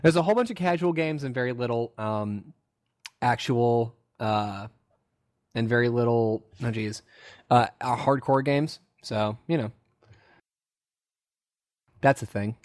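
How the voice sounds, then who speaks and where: A man chats casually on a podcast with a middle-pitched voice. The recording is close and dry, with no room echo. His voice jumps high in pitch when something amuses him. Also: measured pace, long pauses, darkish tone. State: hiccups. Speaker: podcast co-host. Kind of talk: casual chat.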